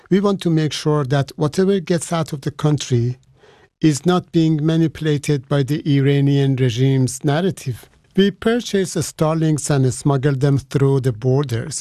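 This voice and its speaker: A man's voice: a little high, mellow, no room sound, clean studio sound. Man with an electronically disguised voice. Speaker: smuggler interviewed anonymously. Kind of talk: recorded interview clip.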